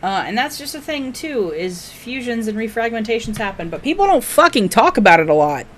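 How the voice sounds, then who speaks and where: A woman's voice: a little high, very animated, fairly quick, a little hiss or hum. A woman co-hosting a podcast in casual chat, blunt and swearing freely. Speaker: podcast co-host.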